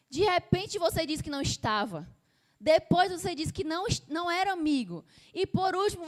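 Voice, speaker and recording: A woman from Brazil preaching a sermon with emphasis, asking the congregation rhetorical questions and dropping her voice low and slow to act out quoted lines.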